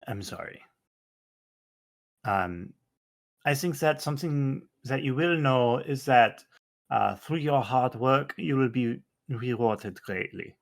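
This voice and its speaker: Man, tabletop role-play player, earnest and formal, slow, lively pitch. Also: gravelly. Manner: earnest, gentle, formal speech in character.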